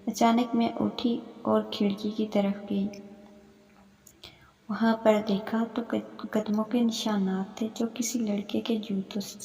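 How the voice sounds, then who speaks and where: A woman narrating a dramatic first-person story in a steady, even reading voice. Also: mid-range voice. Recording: echoey room with long reverb.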